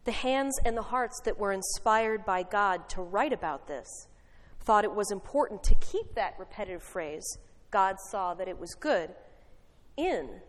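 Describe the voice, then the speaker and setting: A woman pastor giving a sermon, telling a story in an animated, wry way. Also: mid-range voice, normal speed, in a large hall.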